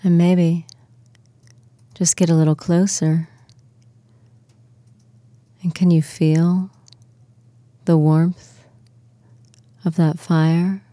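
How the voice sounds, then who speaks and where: Unhurried and soothing, this woman talks through a relaxation exercise in a soft, flat delivery and a deep, mellow tone. The sound is close-miked and dry, free of room noise.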